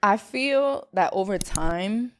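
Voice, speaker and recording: A woman's voice: medium pitch, expressive, slow pace, background noise. Frank woman in her thirties chatting. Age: 30s. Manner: frank, laughs often. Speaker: podcast guest. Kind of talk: casual chat.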